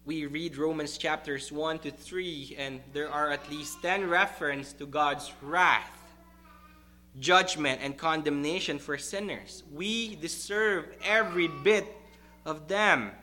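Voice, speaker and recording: A male pastor preaching a sermon to his congregation, emphatic and deliberate, repeating key words for stress. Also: on the high side, sharp tone.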